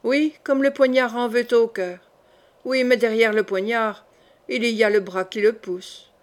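Female reader doing a scheming queen mother, cold and insinuating, slightly high voice. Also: steady tone, measured pace, close to an everyday voice.

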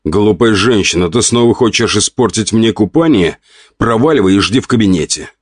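Brief: male reader voicing a gruff middle-aged count, mocking and impatient, dry close audiobook sound. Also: fairly low pitch, expressive, normal speed, no echo, pitched above the performer's own voice. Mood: irritated. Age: 40s.

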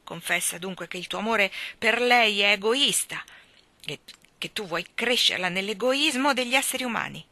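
A woman's voice: mid-range voice, lively intonation, moderate pace, no echo. A woman playing a proud, demanding ancient fairy. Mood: reproachful. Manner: forceful, reproachful.

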